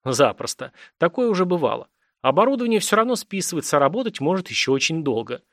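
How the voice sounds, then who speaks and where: A man's voice: on the high side, very animated, fast, fairly bright tone, dry recording, studio quality. A man voicing a blunt, streetwise former army scout with a lightly mocking manner, read as an audiobook character. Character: ailing ex-army male scout, blunt and wry.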